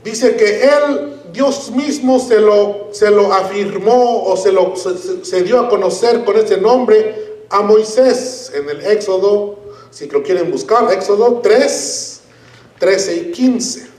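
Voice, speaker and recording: A high-pitched man preaches in an unhurried, deliberate way, leaning on key words as he teaches. The sermon is recorded in a church with a roomy echo, and the mic sits some way off. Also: darkish tone. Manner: slow, deliberate Bible teaching with emphatic stresses. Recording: echoey room, mic at a distance.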